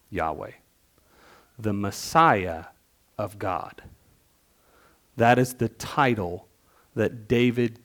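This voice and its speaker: A worship leader with a fairly low voice gives a sermon, teaching conversationally. He poses questions and swings between emphatic bursts and quiet asides.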